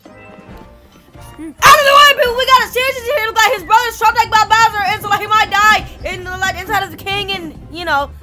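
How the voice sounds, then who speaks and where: A woman voicing an excitable, bossy little mushroom guide with slangy rambling, in a silly mismatched amateur redub of a cartoon film. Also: extremely high pitch, a little fast, over loud music, a loud crowd. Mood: excited, bossy.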